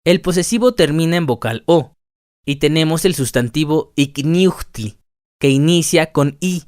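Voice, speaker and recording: A man narrating a scripted language lesson, reading word lists slowly and deliberately. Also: on the high side, no echo, clean studio sound. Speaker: language teacher.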